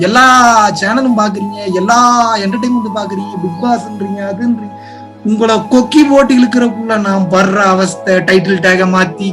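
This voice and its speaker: A man from India with a strikingly high voice, teaching spirituality in an impassioned online talk. He pleads and fires rhetorical questions, swinging from quiet asides to loud appeals. Faint music sits behind him.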